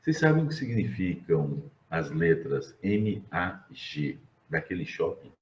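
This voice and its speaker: Brazilian man, middle-aged teacher, very low voice, roomy muffled classroom sound. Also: big pitch swings, a little slow. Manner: digressive, conversational, questions the students. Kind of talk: classroom lecture.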